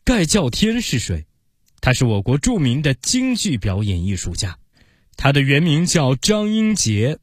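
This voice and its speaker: A man reads a children's story aloud with expressive, animated pitch and speaks warmly to the young listeners. He takes his time, his voice has a husky edge, and the sound is close and dry with no room around it. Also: measured pace, no echo. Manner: expressive, addresses children as dear babies.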